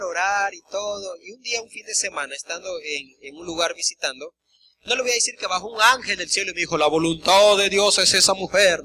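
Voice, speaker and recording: A man's voice: sits high, pushed and bright. A man, a pastor preaching a sermon, telling personal stories and addressing the congregation directly. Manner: acts out quoted dialogue, addresses congregation directly. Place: church service.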